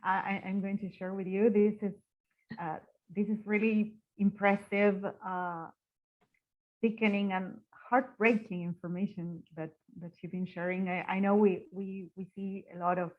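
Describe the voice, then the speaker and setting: A woman whose first language is Spanish hosting a webinar Q&A in English, hesitant and repeating words. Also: on the low side. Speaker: webinar host. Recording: tinny phone-like line.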